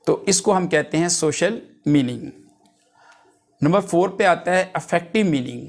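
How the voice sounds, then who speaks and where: Slow-paced man teaching a lecture. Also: a little high, lively intonation. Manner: reads English definitions slowly, then explains in Hindustani. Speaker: English teacher.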